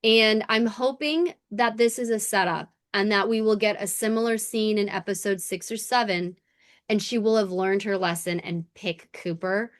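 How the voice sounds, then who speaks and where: A woman's voice: medium pitch, steady tone, moderate pace, no room sound, clean studio sound. A woman co-hosting a podcast, chatting casually and animatedly about a TV episode, swearing freely and acting out the scenes. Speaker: podcast co-host. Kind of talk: casual recap chat.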